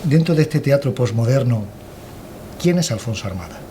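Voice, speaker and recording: A man acts as the interviewer and puts short, direct questions to his guest. His voice sits at an ordinary middle pitch. A faint background hiss runs under his questions. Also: animated, normal speed, dark tone.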